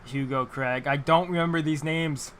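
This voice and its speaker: A man reading visual novel dialogue aloud like a let's player, halting and stumbling over words, with a fan running in his room. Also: on the high side. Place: hot bedroom with a fan running. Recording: steady fan noise in room. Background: whirring fan.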